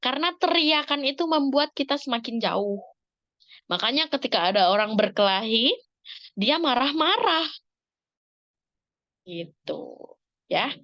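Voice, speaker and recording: A woman speaking to parents in an Islamic study talk, lively and expressive, acting out examples with sudden rises in pitch. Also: measured pace, pauses often, no echo, highs cut off. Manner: lively, dramatic shifts in pitch, acts out examples.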